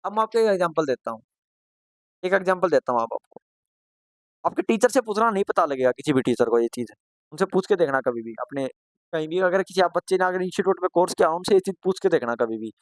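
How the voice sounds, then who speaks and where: A man's voice: high-pitched, lively intonation, dry recording. Man teaching, quizzing himself, dry sound. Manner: asks questions and answers them himself; repetitive, urges students to answer quickly. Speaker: computer course teacher. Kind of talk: live online class lecture.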